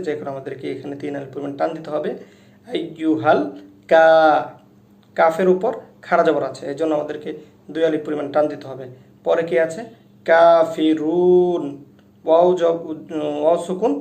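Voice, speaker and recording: Man teaching recitation, dark and echoey. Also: fairly high pitch, vocal fry. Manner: explains each letter, then chants verses slowly and loudly. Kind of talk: slow step-by-step recitation lesson. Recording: echoey room.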